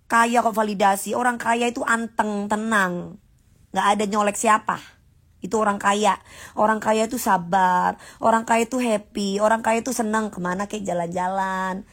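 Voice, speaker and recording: A woman's voice: medium pitch, a bit bright. A woman, ranting casually and mockingly to viewers on a livestream. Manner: sassy, combative, mocking. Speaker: livestream host.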